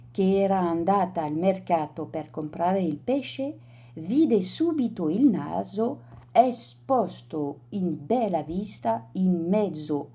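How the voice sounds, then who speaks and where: A woman reading a children's story aloud in a slow, deliberate storytelling manner. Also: medium pitch, dark tone, breathy edge.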